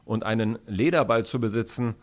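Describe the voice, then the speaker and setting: A man's voice: lowish voice, brisk, natural voice. A man reading aloud, voicing an earnest, polite young boy who tells the other children about life in his home village. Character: boy newly moved from the countryside, polite, thoughtful.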